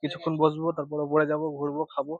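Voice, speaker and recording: A young man, the vlogger's travel companion, chatting casually on camera in a relaxed storytelling way. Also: on the high side, very fast, no echo, phone-quality sound.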